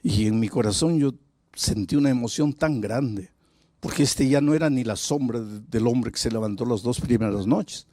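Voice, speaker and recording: A man's voice: medium pitch, moderate pace, warm tone, dry recording, clean studio sound. A male pastor preaching a sermon, telling a story dramatically and vividly.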